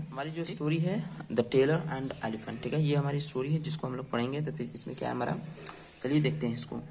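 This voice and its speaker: A man's voice: medium pitch, gravelly, darkish tone, slight background noise. A man teaching an English phonics lesson to children, asking and answering his own questions and spelling words letter by letter.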